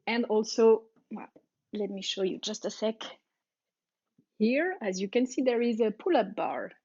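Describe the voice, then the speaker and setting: A French woman in her thirties, an aerialist appearing as a guest, answers interview questions casually in a French accent, halting with fillers and laughing often. Her voice is a little high, a little mellow and husky. The recording has no room sound and the highs are cut off.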